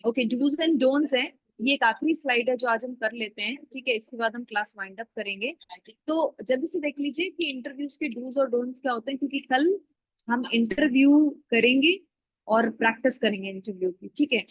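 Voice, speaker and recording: Woman trainer, fairly high voice, dry close sound, answers students by name, mixes in english phrases. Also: moderate pace, no room sound, poor audio. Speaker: communication skills trainer. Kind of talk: online class lecture.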